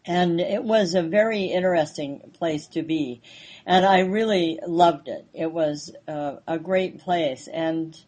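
A woman hosting a conversational interview, speaking hesitantly with frequent pauses and fillers. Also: on the low side, darkish tone. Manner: hesitant, many ums and pauses.

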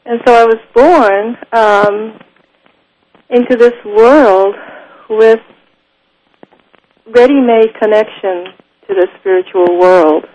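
A woman from Japan, a guest in an interview, speaking thoughtfully and pausing often. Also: fairly high pitch, darkish tone, dull audio. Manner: slow, thoughtful, often pauses with ums. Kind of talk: unhurried spoken interview.

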